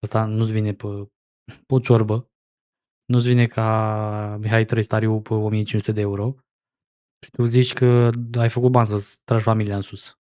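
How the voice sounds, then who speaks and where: A man's voice: on the low side, flat delivery, a little mellow, smooth. A man in his forties giving casual, sarcastic reaction commentary as a streamer. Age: 40s. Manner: sarcastic, mocking.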